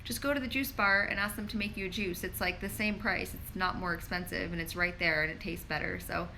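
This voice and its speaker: A woman pharmacist talks chattily through viewer questions on an informal live stream, reading each aloud and saying "like" often, recorded on a handheld phone. Her fairly low-pitched voice is steady and sharp, with vocal fry, and she goes a little fast. Slight background noise is present.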